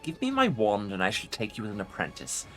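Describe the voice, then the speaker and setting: A man's voice: fairly low pitch, huge pitch swings, fairly quick, fairly bright tone, soft background music. A man voicing an ancient undead lich from a fantasy game, arrogant and imperious, with pompous formal speech. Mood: irritated, haughty. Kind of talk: dramatic video game role-play reading.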